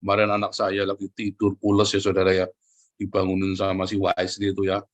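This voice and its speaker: A man preaching a sermon, lively and joking, often turning to address the congregation directly. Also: low-pitched, fast. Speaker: pastor.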